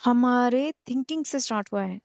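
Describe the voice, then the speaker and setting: A woman spiritual teacher telling a story slowly and repetitively, with many pauses. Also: a little high, vocal fry, a little mellow, dry recording.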